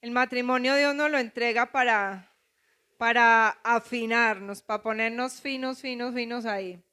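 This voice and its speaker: A woman's voice: a little high, steady tone, normal speed, sharp tone. A middle-aged woman pastor with a Colombian accent, preaching a sermon full of rhetorical questions. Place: church.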